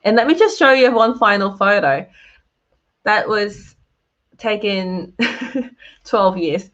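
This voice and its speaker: A cheerful woman in her thirties from Hong Kong presents her slides on a video call, laughing often and greeting viewers in the chat. Her voice sits at a middle pitch. The call audio sounds a little dull and muffled. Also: slow pace, a bit bright. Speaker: guest speaker.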